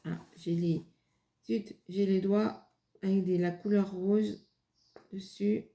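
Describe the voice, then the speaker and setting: Slow, mellow-voiced woman demoing crafts. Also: mid-range voice, steady tone, vocal fry. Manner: hesitant, many fillers and restarts. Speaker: craft video host. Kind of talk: casual craft demonstration. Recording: echoey room.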